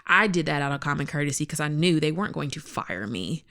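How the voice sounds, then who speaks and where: A woman's voice: deep voice, animated, fast talker, sharp tone. A woman co-hosting a podcast, giving advice in casual, chatty talk. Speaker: podcast co-host. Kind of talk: casual chat.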